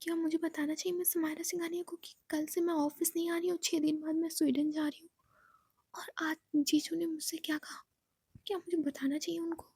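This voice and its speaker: A storyteller putting on a jumpy young woman who frets and protests in breathless chatter in an audio love story. The voice is high and bright-pitched, with a mellow tone underneath. The sound is dry and close. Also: level tone, fairly quick, no echo. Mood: fretful.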